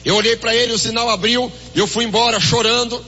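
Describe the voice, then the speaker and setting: A man's voice: very high-pitched, fairly even intonation, quick pace, bright, forceful tone, in a large hall, muffled recording. A Brazilian man with a Brazilian Portuguese accent preaching a sermon as pastor, with fervent exclamations and a story told through quoted dialogue.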